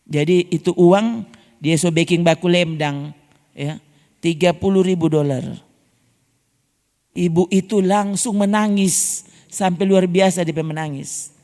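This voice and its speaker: A pastor with a high voice and a Manado Malay accent delivers a sermon, telling stories with animation and repeatedly calling out to the congregation. He speaks unhurriedly with long pauses, and the church hall gives his voice a long, ringing echo.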